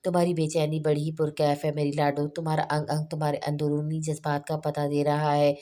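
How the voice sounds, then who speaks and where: A woman's voice: deep voice, monotone, fairly quick, warm tone, close to an everyday voice. Woman reading as a blunt, teasing best friend. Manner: scolding, then teasing.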